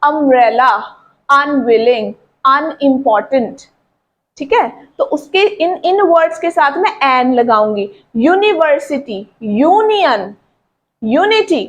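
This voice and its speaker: A woman teaching an English grammar lesson, explaining slowly, repeating points and asking her students questions. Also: high voice, lively intonation, dull audio.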